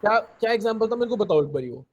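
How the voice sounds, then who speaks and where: A man's voice: sits high, animated, rapid-fire, slight background noise. A young man teaching a live online coding class, explaining step by step and keeping on asking his students if they understood.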